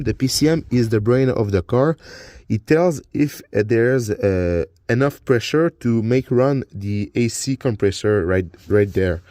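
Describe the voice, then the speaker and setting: This man is a French speaker who vlogs DIY car repairs in accented English, shooting on his phone camera from the garage and under the vehicle. His casual, step-by-step explanation is full of pauses, "uh"s, and repeated words. The voice is medium in pitch and a little mellow.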